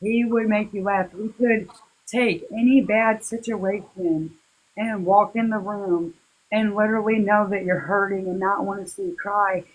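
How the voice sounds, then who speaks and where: A woman speaking as an interview guest, recalling personal matters in a halting, heartfelt, casual way. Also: medium pitch, fairly even intonation, low-quality recording. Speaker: interview guest, victim's relative.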